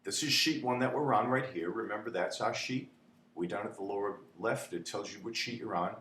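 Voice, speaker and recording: A man's voice: on the low side, brisk, a bit bright. A man teaching a spreadsheet tutorial in a chatty, repetitive way, often asking "okay?". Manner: chatty, repeats "okay?", dramatizes panic. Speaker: instructor. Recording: echoey room with faint hum.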